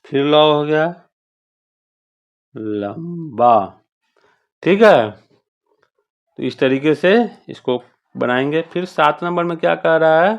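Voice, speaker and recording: A woman teaching, explaining a school workbook patiently, repeating words and often checking in with the class. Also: low voice.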